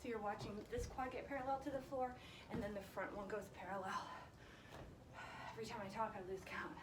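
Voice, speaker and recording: A woman fitness instructor leading a workout live, counting and giving short encouraging instructions, a little breathy from exertion. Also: mid-range voice, steady tone, fairly quick. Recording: echoey, distant mic, loud background noise.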